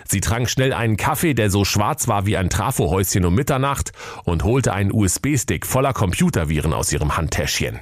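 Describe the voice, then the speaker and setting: A man's voice: fairly low pitch, expressive, brisk, dry recording, clean studio sound. A man with a Schleswig-Holstein accent, narrating a comic fairy tale in a playful storybook tone.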